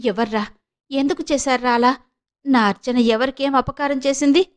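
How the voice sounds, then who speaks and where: A woman's voice: high voice, steady tone, normal speed, clear, resonant tone, lightly acted. A woman voicing a young male student in a spoken storybook, agitated and pleading. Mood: hurt. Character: young man, upset and protective student.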